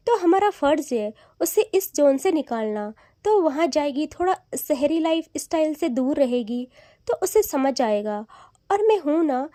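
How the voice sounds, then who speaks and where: A teasing young woman who whines and pleads with her best friend in a high, warm voice, as a woman narrator puts her on. Her talk is chatty and playful in a storybook audio drama, recorded close and dry. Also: dry recording.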